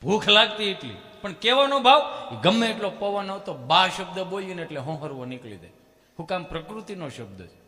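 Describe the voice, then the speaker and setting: Kathiyawadi male stage comic, high ringing voice, animated delivery with loud calls, live hall reverb. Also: brisk. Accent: Kathiyawadi Gujarati. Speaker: stage comedian. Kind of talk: live folk humor storytelling.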